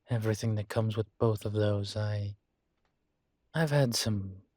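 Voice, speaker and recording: In an intimate audio roleplay recorded dry and close with no echo, a man voices a tired incubus professor at a college, gruff with fondness underneath. His low, husky voice comes in slow, halting, candid phrases broken by sighs.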